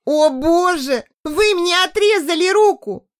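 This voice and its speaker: A woman's voice: mid-range voice, animated, slow, a little mellow, dry recording, clean studio sound. A woman reading an audiobook, voicing a terrified young woman held captive who screams and pleads in hysterics. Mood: hysterical screaming. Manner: screaming, sobbing pleas.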